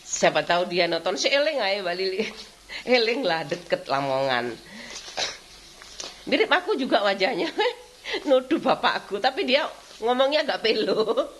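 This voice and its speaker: This is a middle-aged woman, chatting casually for her vlog at a middle pitch. She rambles from one thought to the next, laughing often and returning again and again to the same filler phrase. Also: very animated, a little slow, pauses often, a little hiss or hum. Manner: rambling, frequent laughter, repeats "kayak gitu". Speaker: vlogger.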